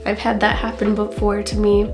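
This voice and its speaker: A woman's voice: mid-range voice, completely flat delivery, normal speed. A woman hosting a casual hobby tutorial in a playful, rambling way. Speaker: hobby craft host. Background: music.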